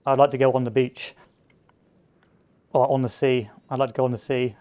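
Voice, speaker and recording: Guy doing relaxed let's-play commentary, smooth clear voice, rambly with lots of uhs. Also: medium pitch, moderate pace. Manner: rambling, chatty, wanders onto tangents with many fillers. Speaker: gameplay commentator.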